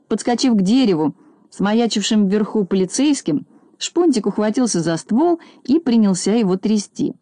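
A woman narrating a children's storybook in a lively, expressive reading style. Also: medium pitch, normal speed, no echo.

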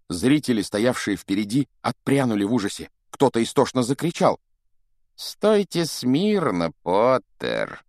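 A man reading a children's fantasy story aloud in an animated, expressive way and voicing each of its characters. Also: fairly low pitch, dry recording, studio quality. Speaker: audiobook narrator.

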